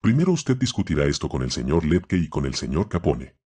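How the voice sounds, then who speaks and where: A man reading the part of a cold, calculating male schemer, speaking slowly and icily. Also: a bass voice, sing-song, warm tone, slightly rough, exaggerated voice. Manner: slow, icy, measured delivery.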